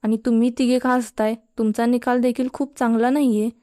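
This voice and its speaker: A woman's voice: a little high, flat delivery, a little fast, mellow, dry recording, clean studio sound, natural voice. A woman voicing a stern but kind middle-aged male math teacher, scolding his students.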